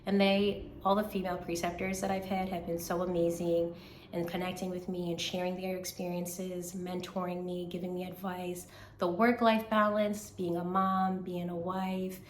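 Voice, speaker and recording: A woman in her twenties from the South, a medical student, telling a casual, animated life update in a slightly hoarse voice and repeating phrases for emphasis. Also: fairly low pitch, normal speed, echoey room, a little hiss or hum. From Southern United States. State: slightly hoarse from recent illness. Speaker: third-year medical student vlogger.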